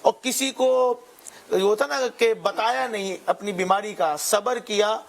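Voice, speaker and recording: A man speaking as a panelist on a religious talk show, measured and dropping in English words. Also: high-pitched, gravelly.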